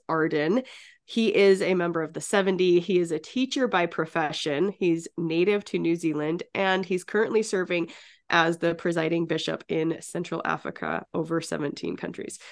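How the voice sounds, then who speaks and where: A woman hosting a faith podcast with a slightly low, gravelly voice, roughened by a cold. She talks in a chatty, upbeat way and laughs easily. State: has a cold. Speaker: podcast host. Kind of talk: casual podcast chat.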